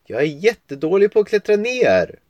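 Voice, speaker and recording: A man's voice: wildly swooping pitch, darkish tone, no echo, muffled recording. A man voicing a cheerful little girl stuck in a treetop in a children's story. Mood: chirpy. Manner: high, chirpy replies.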